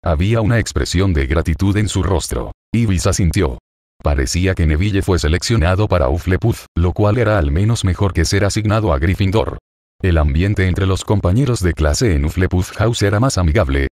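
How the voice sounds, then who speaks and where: Deep-voiced male audiobook narrator. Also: no echo, studio quality. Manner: even, steady reading.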